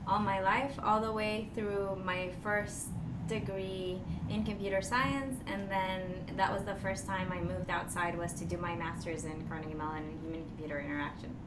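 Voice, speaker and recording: A Costa Rican woman who works as a design strategist answers interview questions casually as a podcast guest, phrasing things thoughtfully and hesitantly. Her medium-pitched voice stays fairly even at a moderate pace. The mic is distant, so the sound is echoey with clearly noisy surroundings.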